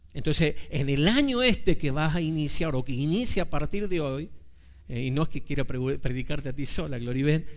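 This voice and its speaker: A man preaching a sermon as pastor, talking to his congregation in a conversational way, asking rhetorical questions and slowing down to stress scripture quotes. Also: a little high.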